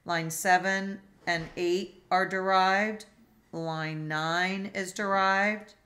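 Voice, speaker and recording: A woman's voice: lowish voice, steady tone, very slow, a bit bright. A woman instructor teaching a logic class over a video call, asking students questions, with frequent fillers and restarts. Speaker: philosophy instructor. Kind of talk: online class lecture.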